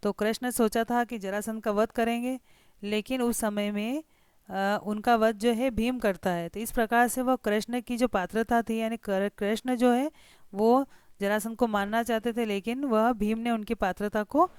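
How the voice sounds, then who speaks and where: Female teacher, patient word-by-word explainer, smooth dry close voice. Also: fairly high pitch, fairly even intonation, darkish tone, no echo. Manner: slow deliberate word-by-word explanation. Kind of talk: explaining a textbook lesson line by line.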